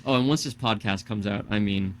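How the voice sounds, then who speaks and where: A man's voice: fairly low pitch, brisk, slight background noise. A young man co-hosting a casual podcast, telling a story in a heated, profane way. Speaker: podcast co-host.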